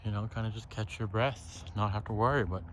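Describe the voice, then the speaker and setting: With a fairly low, slightly bright voice and fairly even intonation, the solo podcaster speaks a little fast. His musing monologue is casual, rambling, and full of swearing, often punctuated by "right?". Outdoor ambience and birds surround him on the lakeside trail.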